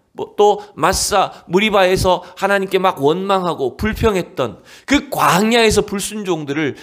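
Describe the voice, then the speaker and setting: A male pastor preaching a Wednesday sermon in a church, slowing down to read scripture aloud. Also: high-pitched, a bit bright. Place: church sanctuary.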